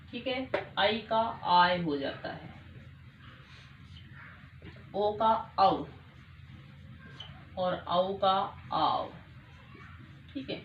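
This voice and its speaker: A young woman teaching a grammar lesson, patiently repeating each point and checking that her students follow. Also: mid-range voice. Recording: echoey room, dull lo-fi sound, faint noise.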